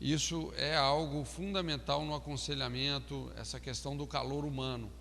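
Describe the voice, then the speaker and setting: A man's voice: medium pitch, steady tone, moderate pace, creaky, fairly bright tone, long reverb tail, slight background noise. A man, a pastor giving a recorded lecture on counseling, explaining and often asking "não é?". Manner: frequent tag questions "não é?"; explanatory, stresses key words. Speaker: pastor teaching a counseling course.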